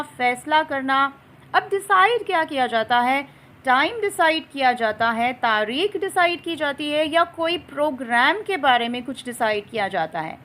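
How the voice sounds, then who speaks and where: A woman teaching English vocabulary in a slow, explanatory manner, often addressing her viewers as friends. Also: sits high, fairly bright tone. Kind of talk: vocabulary lesson.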